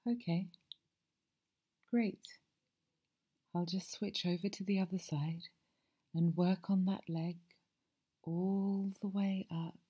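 A woman performing an ASMR audio roleplay as a masseuse, talking softly and soothingly and often slipping into whispers. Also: fairly low pitch, fairly even intonation, slow, long pauses, slightly rough.

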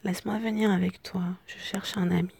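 A woman voicing a friendly, flattering storybook cat in a whispered role-play, her voice husky and cracked. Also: medium pitch, fairly quick, no room sound. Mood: friendly, coaxing.

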